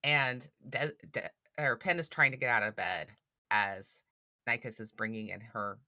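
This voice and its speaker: A woman hosting a casual book-discussion podcast who talks in an animated way and laughs often. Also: extremely low pitch, a little slow, no room sound, clean studio sound. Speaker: podcast host.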